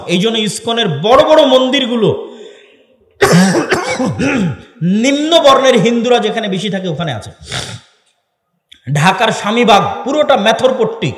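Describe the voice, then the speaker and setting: A man giving an impassioned sermon-style speech to an audience in a large hall, firing off rhetorical questions. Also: high-pitched. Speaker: Islamic lecturer. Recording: echoey hall with long reverb.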